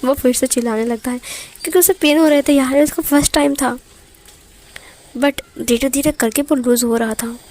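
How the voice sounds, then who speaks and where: A woman's voice: fairly high pitch, darkish tone. A woman narrating a romance story in a casual, conversational way, dropping in English words. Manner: conversational, mixes English words, some stumbles.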